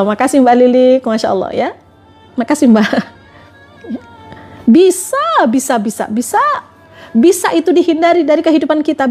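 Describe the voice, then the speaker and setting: A woman giving a religious talk on a live stream, asking her listeners question after question. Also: high-pitched. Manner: repetitive rhetorical questioning.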